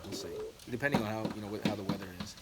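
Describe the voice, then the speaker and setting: Male vlogger, on the low side, loose hesitant rambling delivery, noisy background. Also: very fast. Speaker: vlogger, home brewer. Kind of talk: casual rambling vlog chat. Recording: noisy recording with clicks.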